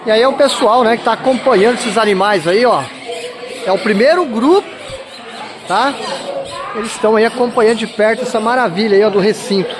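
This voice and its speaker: Filming on a handheld phone as he walks an outdoor wildlife park, a man with a southern Brazilian accent talks to his viewers in a high-pitched, slightly fast voice, constantly marveling at the animals. Crowd noise, outdoor ambience and animal sounds fill the noisy recording around the enclosures.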